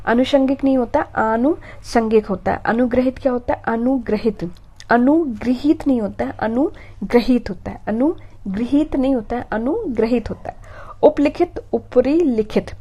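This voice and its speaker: A woman teaching an exam prep lesson on spelling, repeating each word slowly to drill it. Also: a little high, warm tone.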